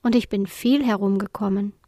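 Woman reading a gentle, lonely ship spirit. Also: mid-range voice, steady tone, moderate pace, no room sound, studio quality, close to an everyday voice. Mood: wistful.

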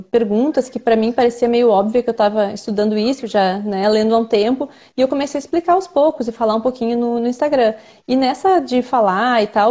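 This young researcher and translator has a fairly high, mellow voice and a Brazilian Portuguese accent. In a casual interview she goes into her work at length, thoughtful and full of fillers.

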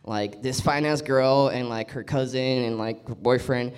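A man's voice: mid-range voice, fairly even intonation, a little slow, clear, resonant tone. A young man telling a loose, slangy stand-up story on stage. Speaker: stand-up comedian. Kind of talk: stand-up set.

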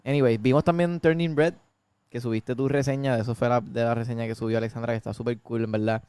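A man's voice: medium pitch, steady tone, quick pace, darkish tone, clean tone, dry recording. A man, co-hosting a casual film chat, playful and teasing, reading out viewer comments and dropping English words. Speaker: podcast co-host.

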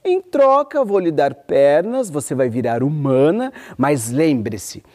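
A woman doing a scheming sea witch, slow and menacing, swinging up and down in pitch. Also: lively intonation, a little mellow, exaggerated voice. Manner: slow, drawn-out, menacing emphasis.

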